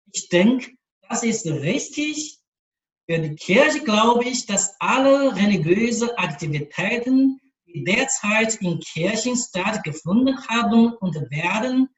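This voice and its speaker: A man with a Chinese accent reads a letter aloud, carefully and haltingly. He speaks very slowly, pausing between phrases, his voice set back from the microphone. The room around him rings with a noticeable echo. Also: sits high. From China. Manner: slow, careful, halting reading with pauses. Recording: roomy echo, distant mic.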